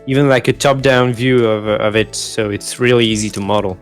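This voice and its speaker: A man's voice: fairly low pitch, fairly even intonation, brisk. A man chatting casually about a game in an easygoing, hesitant way. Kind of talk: casual let's play chat. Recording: faint music underneath.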